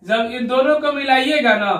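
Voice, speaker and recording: A man teaching an Urdu spelling lesson, patient and steady, checking again and again that the learner follows and quizzing them. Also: very high-pitched, moderate pace, distant mic. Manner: patient, keeps asking "ठीक है ना" and quizzing the learner. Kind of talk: slow spelling lesson at a whiteboard. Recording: roomy echo, voice a little off-mic.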